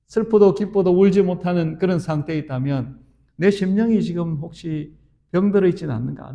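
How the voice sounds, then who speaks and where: A man's voice: high voice, warm tone, lo-fi sound. A pastor in his fifties preaching a sermon in an earnest, storytelling way that rises to fervent emphasis. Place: church sanctuary.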